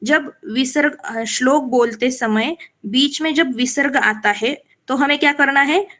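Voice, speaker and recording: A woman leads a Sanskrit recitation lesson in a high, clear voice. She talks at an unhurried pace, stopping to explain and to ask whether her students understand. Between the explanations she chants verses slowly as examples. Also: a bit bright. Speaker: Sanskrit teacher. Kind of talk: live online class, teaching verse recitation.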